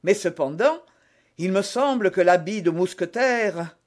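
A vain, hearty musketeer, put on by a male reader, booming out scoffing exclamations in a raised voice. He sounds proud and a little pompous in this storybook telling. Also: lively intonation, a little slow. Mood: blustering. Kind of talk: audiobook reading.

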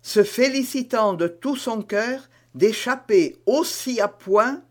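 A man narrating a classic novel in a measured, even way. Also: very high-pitched. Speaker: audiobook narrator. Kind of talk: scripted literary narration.

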